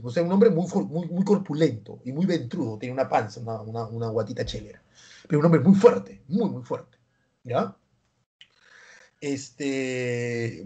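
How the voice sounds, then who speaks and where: A man from Peru teaching a pre-university history class, telling it as a lively story with frequent check-in questions. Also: medium pitch. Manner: animated, tag questions like ¿ya? and ¿no?.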